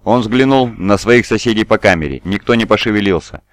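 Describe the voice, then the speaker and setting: A man reads a novel aloud in scripted narration. His voice sits low and his delivery is measured and even. The recording is dry and close to the mic. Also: no room sound. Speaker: audiobook reader.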